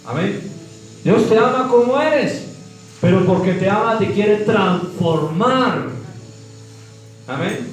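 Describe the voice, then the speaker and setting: Guy preaching, high lively voice, booming church echo from far off, faint music behind. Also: takes it slowly, long pauses. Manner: call-and-response questions to the congregation; animated, swooping emphasis. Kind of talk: sermon. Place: church hall.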